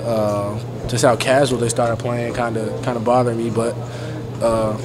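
A young man in a postgame press scrum, answering reporters in a subdued, halting way with lots of fillers, recorded on phones held close. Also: mid-range voice, level tone. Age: young adult. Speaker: college basketball player. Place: crowded arena interview area, curtained backdrop. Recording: crowd noise behind the voice. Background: crowd chatter.

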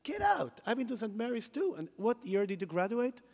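A man voicing an eager, incredulous bar patron in a joke, leaping up in pitch with excitement, in a reverberant hall. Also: fairly quick, full character voice. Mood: excited. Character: eager chatty Irishman in a bar, male, adult.

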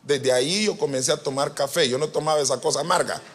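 A man preaching a sermon to pastors, animated and joking with the congregation, swinging from loud to soft. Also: on the high side, quick pace, husky. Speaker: apostle preaching. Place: church retreat hall.

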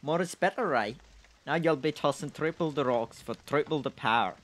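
A man voicing a burly, grumbling male mason in a made-up accent, gruff and folksy. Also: on the high side, moderate pace, fairly bright tone, natural voice.

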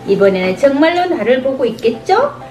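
Older lady reading a kids' picture book, high and bouncy, echoey room, faint music. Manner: lively, sing-song, pauses to ask the child questions. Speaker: grandmother reading to a toddler. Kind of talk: picture book read-aloud to a child.

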